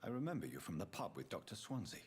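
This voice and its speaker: A deep-voiced vampire doctor. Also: male voice, very animated, fast talker, slightly rough, exaggerated voice. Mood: courteous. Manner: polite, formal, inquisitive. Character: courteous newly turned male vampire doctor, curious and precise. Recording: game audio with loud music underneath.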